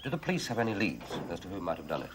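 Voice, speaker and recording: An actor playing a wary, courteous reclusive poet, measured and guarded, in a film. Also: male voice, low voice, sing-song, slight background noise. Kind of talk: film acting.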